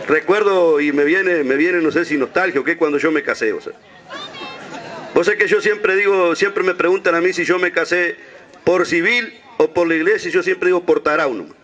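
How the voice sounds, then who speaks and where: High-voiced Uruguayan comedian telling jokes. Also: male voice, moderate pace, a bit bright, dull audio, some chatter behind. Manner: chatty, talks to audience, acts out dialogue. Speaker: stand-up comedian. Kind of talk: stage joke telling. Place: outdoor festival stage.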